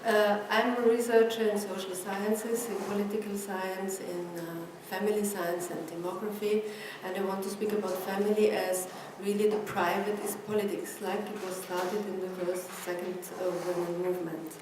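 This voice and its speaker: Delivering a conference talk in English that isn't her first language, this Austrian German-accented woman pauses often to find words, her mid-pitched voice keeping a level tone. The recording picks her up from afar in a very reverberant room full of audience noise.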